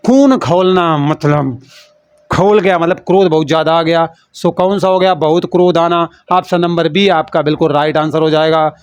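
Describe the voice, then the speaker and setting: A man's voice: on the high side, little pitch movement, brisk, few pauses, clear, resonant tone, dry recording. A man teaching a lesson for an exam, explaining in a playful, teasing way and calling the students "beta".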